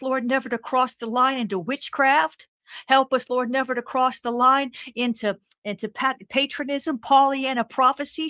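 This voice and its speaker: Fervent praying woman, higher voice. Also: fairly bright tone, dry recording. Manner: repetitive, rhythmic, rising into exclamations; speaks in tongues briefly. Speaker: prayer leader. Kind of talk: fervent spoken prayer.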